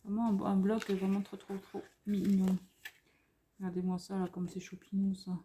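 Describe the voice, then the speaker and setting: A French woman rambles happily through a haul in front of a camera on a tripod, gushing over every cute item. Her voice is mellow and soft-edged, full of fillers and restarts. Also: mid-range voice, little pitch movement, moderate pace, slight background noise. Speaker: craft vlogger showing a haul. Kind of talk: casual haul commentary.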